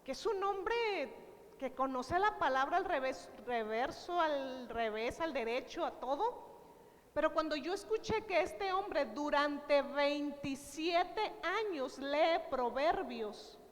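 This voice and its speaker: A woman's voice: high-pitched, animated, takes it slowly, big-room sound. A woman preacher giving a sermon, talking straight to her congregation and retelling conversations in quoted dialogue. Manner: earnest, direct address to the congregation.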